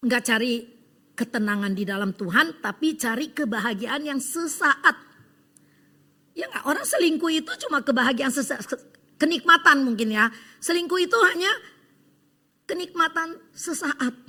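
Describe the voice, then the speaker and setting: Lady preacher, high bright voice, tells jokes and gets the crowd saying amen. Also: moderate pace, pauses often. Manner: lively storytelling, acting out voices in a joke; engages the congregation with call-and-response. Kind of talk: sermon.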